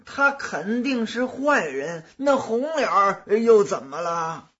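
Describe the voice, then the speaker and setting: A woman's voice: medium pitch, very animated, slow, fairly bright tone, breathy edge, voice pushed down, exaggerated voice. A woman voicing an anxious older male clerk in a storybook tale, pleading and fretful, on a dull lo-fi recording. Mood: exasperated.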